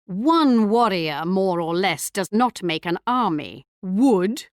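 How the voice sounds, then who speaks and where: A woman's voice: mid-range voice, animated, takes it slowly, dry recording, studio quality. An actress playing a haughty queen in a strategy video game, speaking in a regal, arch, mocking manner. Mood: commanding. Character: haughty English queen leading her empire, taunting rivals. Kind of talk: scripted strategy game taunts and announcements.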